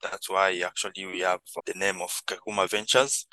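This man, a Congolese social entrepreneur from the Democratic Republic of Congo, answers podcast questions reflectively in earnest, non-native English with his native accent. He speaks at a normal speed in a low, level voice that is bright and forceful, with no room sound.

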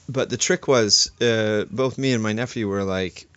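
A man's voice: on the low side, moderate pace, fairly bright tone, no echo. A man co-hosting a podcast in casual chat, rambling with many fillers and restarts. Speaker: podcast co-host. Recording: dull, slightly lo-fi dry recording.

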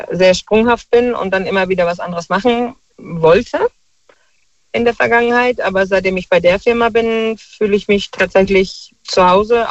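A man calls in to a talk show over a dull, dry phone line. His voice sits high for a man. He talks in a relaxed, hesitant way with many fillers. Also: dry recording. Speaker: caller. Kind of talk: casual phone-in chat. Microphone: telephone.

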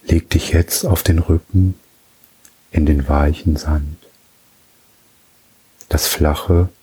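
A man guiding a relaxation journey in a soft, soothing way, with long pauses between phrases. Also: very deep voice, slightly rough, low-quality recording. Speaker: meditation guide.

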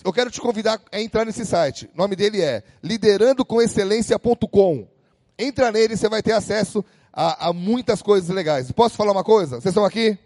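A Brazilian man preaching a sermon as a pastor, energetic and calling out to the congregation. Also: high-pitched, brisk, no echo, in a large hall. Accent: Brazilian Portuguese. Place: church hall.

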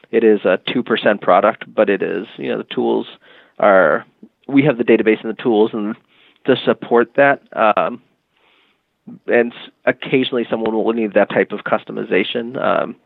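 Here a man from a music marketing tech company, interviewed on a podcast in Boston, describes a product in a casual, halting way filled with "um" and "you know." His lowish voice is creaky and at normal speed, and the audio is dry and narrow like a phone line, with no room sound.

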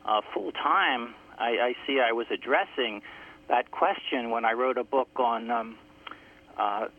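A man appearing as a guest author on a phone-in radio interview tells his story slowly and reflectively in a medium-pitched voice. He comes through a tinny, crackly telephone line that fades in and out.

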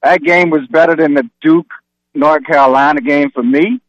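A man's voice: fairly high pitch, steady tone, normal speed, dry recording, highs cut off. A male sports caller from Louisiana in casual chat, rambling and trash-talking about basketball.

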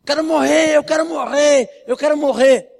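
A man voicing a distraught young man who wails that he wants to die, in a shrill cry. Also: normal speed, vocal fry, darkish tone. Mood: wailing. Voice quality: shrill, wailing. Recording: long church-hall reverb.

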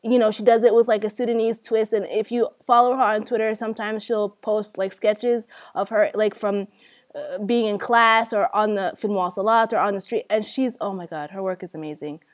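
A woman's voice: mid-range voice, fairly even intonation, normal speed. Casual woman podcaster talking under a comforter. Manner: talking from under a comforter pulled over her head like a tent. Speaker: podcast co-host. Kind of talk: casual chat. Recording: home-made internet call recording.

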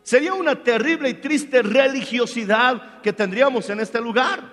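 A male pastor preaching a sermon, fervent, swinging from shouted praise to hushed asides. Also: very high-pitched, normal speed. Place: church hall. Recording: hall reverb with faint music.

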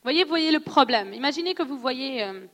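A woman with a noticeable accent teaching a church audience on prophecy in a conversational, animated way, often laughing and asking questions. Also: high-pitched, moderate pace. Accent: non-French accent in French. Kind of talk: sermon teaching. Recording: long hall reverb.

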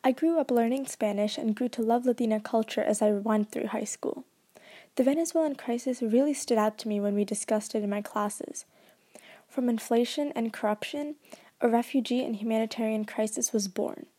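Teen girl reporter reading her script, pretty high voice. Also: warm tone. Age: teens. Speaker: student reporter. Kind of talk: scripted narration and interview questions.

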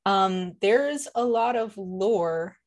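A woman co-hosting a casual podcast, talking in a wry, animated way about what she watches. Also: mid-range voice, drawn-out words. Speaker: podcast co-host. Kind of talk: casual book-club chat.

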